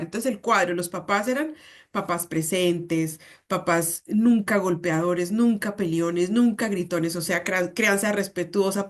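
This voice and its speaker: A woman psychologist, giving a conversational talk on parenting full of rhetorical questions. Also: mid-range voice.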